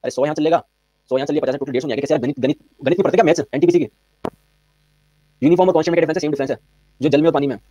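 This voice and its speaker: Male physics tutor, brisk and quizzing, slightly high voice, dry close sound. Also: warm tone, no echo. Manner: brisk, quizzing students with repeated questions. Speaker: physics teacher. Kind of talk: online exam-prep physics lecture.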